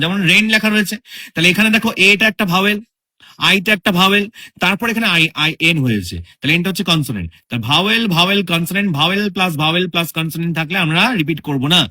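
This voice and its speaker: Guy teaching english spelling rules, slightly high voice, keeps asking if u got it. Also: bright, forceful tone. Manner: explains step by step, repeats rules, checks understanding. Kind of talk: spoken English grammar lesson in Bengali.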